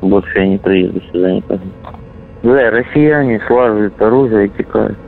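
A man with a lowish voice speaks as a soldier phoning home. He is blunt and sweary, and comes through a narrow, radio-like phone line with faint music underneath. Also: normal speed, creaky. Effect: heard over a radio or intercepted phone line. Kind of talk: casual phone call. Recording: tinny phone-like intercept, music laid over.

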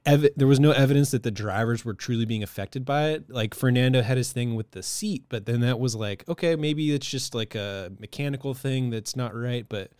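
A man's voice: medium pitch, fairly quick, hardly any pauses, darkish tone, clean tone, no room sound, studio quality. A man co-hosting a casual podcast, talking loosely with lots of fillers and trailing phrases. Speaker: podcast co-host. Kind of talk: casual chat.

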